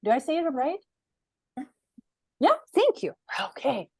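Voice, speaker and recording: A woman's voice: high voice, huge pitch swings, unhurried, vocal fry, darkish tone, no room sound, clean studio sound. A woman, the book's author, reading her picture book aloud to children at storytime, encouraging and asking them questions.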